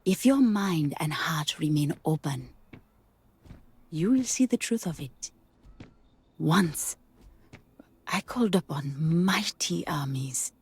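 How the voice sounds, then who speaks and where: A woman's voice: low-pitched, lively intonation, husky, exaggerated voice. An actress voicing a proud cloned warrior queen in a game, speaking in a regal, solemn way. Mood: fervent. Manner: regal, slow, slips into a whisper. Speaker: game character.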